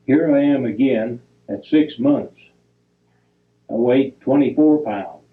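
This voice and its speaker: An older man slowly reminiscing over old family photos, reading out names and dates in halting fragments and correcting himself as he goes. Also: mid-range voice. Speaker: family storyteller. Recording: tinny, phone-like recording.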